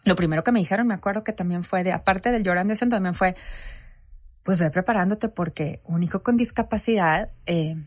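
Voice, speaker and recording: A woman's voice: lowish voice, brisk, no echo, clean studio sound. A woman, telling an interviewer the story of her own family. She tells it with energy and acts out the conversations she quotes. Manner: animated storytelling, acting out quoted dialogue.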